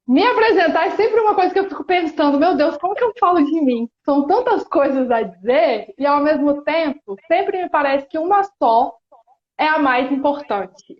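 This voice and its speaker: With a high voice and an Espírito Santo Brazilian Portuguese accent, this thirty-something woman is a guest on a relaxed live-stream chat. She sounds earnest and thoughtful, pausing and restarting frequently. The video-call phone or laptop recording is roomy and dull.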